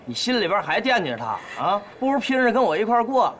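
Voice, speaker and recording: An actor playing a fawning, cheeky man of low standing in a period TV drama, groveling one moment and teasing the next. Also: big pitch swings, fast talker, fairly bright tone, slight background noise. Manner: groveling with his betters, cheeky and teasing otherwise.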